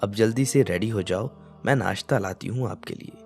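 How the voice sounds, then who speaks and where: A man's voice: fairly low pitch, normal speed, vocal fry, darkish tone, faint music behind. A man voicing a cheeky, bossy young bride who teases her husband. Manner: bossy, teasing.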